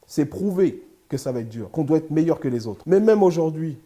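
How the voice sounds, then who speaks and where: A French lawyer and sports agent speaks candidly as an interview guest, talking fast in a dark voice with a fairly high pitch. His manner is steady and emphatic, building points through repeated short phrases.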